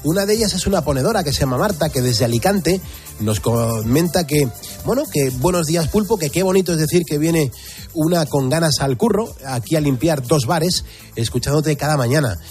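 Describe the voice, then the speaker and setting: A man's voice: a little high, expressive, brisk, a little mellow. A man hosting an early-morning radio show, chatting in a friendly, bantering way. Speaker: radio host. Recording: radio broadcast with faint music.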